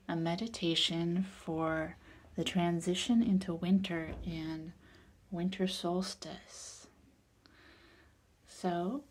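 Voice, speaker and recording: A woman's low-leaning, gentle voice carries a guided meditation, soothing and never hurried. She lets the ends of her phrases turn breathy.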